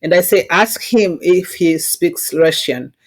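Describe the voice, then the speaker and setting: Speaking slowly in a lowish voice, this Rwandan-accented diversity consultant gives earnest, instructive interview answers and stories in a conversational way, her phrasing marked as non-native.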